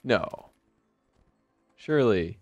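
A man co-hosting a casual let's-play, playful and excitable, prone to yelps and laughter. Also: fairly low pitch, very slow, no room sound, highs cut off, faint music behind. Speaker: co-host, video game player.

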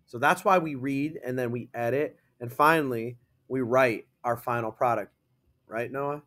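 A male teacher leading a classroom grammar lesson, reading sample sentences aloud slowly and checking in with his students. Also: medium pitch, a bit bright.

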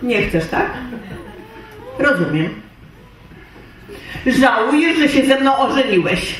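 Woman as shrill, moody young wife on stage. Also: animated, slow pace. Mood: soft sulking. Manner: swings between shrill nagging and soft sulking. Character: moody hysterical young wife, imagining a pregnancy. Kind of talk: live stage sketch. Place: stage in a hall before an audience. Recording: echoey hall, mic far off, audience laughter.

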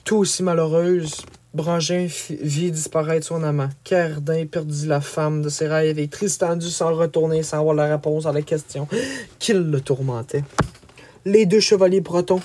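An audiobook reader with a slightly high voice and moderate pace reads a medieval tale aloud. His dramatic storybook narration is expressive, rising when the action picks up.

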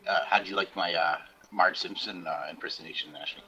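A man's voice: sits low, steady tone, quick pace, pushed and bright, highs cut off. A man chatting casually while streaming an online game with friends, joking and trying out cartoon impressions. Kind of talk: casual gaming chat.

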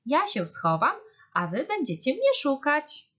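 A woman's voice: high voice, huge pitch swings, unhurried, a bit bright, lo-fi sound, pitched above the performer's own voice, heavily acted. A woman voicing a small, cheerful, playful male bear cub in a children's storybook reading, eager and coaxing.

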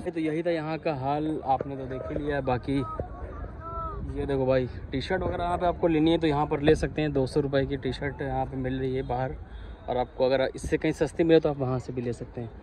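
Filming handheld by a stadium and inside a packed ticket hall, a young man with a Lucknow Hindi accent vlogs excitedly, calling his viewers "bhai." He talks briskly at a medium pitch, with loud crowd and traffic noise all around.

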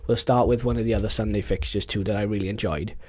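A young man, chatting casually about football as a podcast co-host, animated and slangy. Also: fairly low pitch, fast talker.

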